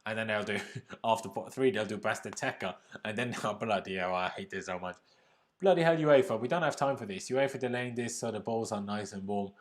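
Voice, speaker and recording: With a fairly low, fairly quick voice, a young man from Austria runs a football draw reaction stream, chatting loosely with viewers, reading their comments and laughing frequently.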